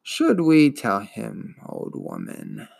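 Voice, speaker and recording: A man voicing an ancient, weary female giant turtle who speaks in a slow, gloomy, wheezing drawl. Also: on the low side, huge pitch swings, gravelly, darkish tone, full character voice.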